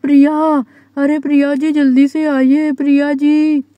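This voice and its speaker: A woman's voice: fairly high pitch, little pitch movement, a little slow, a little mellow, no room sound, close to an everyday voice. A woman voicing a young village husband in a doll story, groaning and pleading over a stomach ache. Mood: pained. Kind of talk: doll story role-play.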